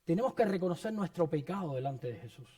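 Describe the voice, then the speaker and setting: A man's voice: fairly high pitch, expressive, fast, warm tone. A man preaching a sermon in a church, earnest and personal, sharing his own story and addressing the congregation as brothers. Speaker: pastor.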